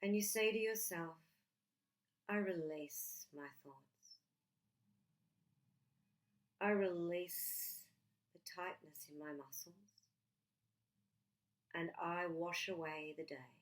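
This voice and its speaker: Using a lowish voice, a woman leads a soothing relaxation meditation, her gentle short phrases spaced out by long silences.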